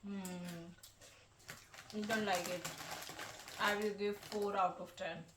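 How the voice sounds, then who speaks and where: A woman's voice: medium pitch, fairly even intonation, slow pace. A woman reviewing snacks as host in casual taste-test chat, murmuring as she tastes between short verdicts. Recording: roomy, distant, noisy with clicking.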